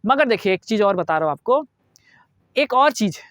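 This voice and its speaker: A man's voice: sits high, big pitch swings, moderate pace, a bit bright, no room sound, studio quality. A man teaching a lecture, explaining step by step, repeating key words and asking his students questions. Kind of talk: classroom lecture.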